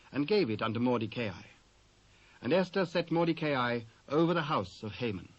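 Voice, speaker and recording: Recorded dry on dull, lo-fi cassette audio, this medium-pitched British man takes the storyteller's role in a dramatised scripture reading, narrating from a script.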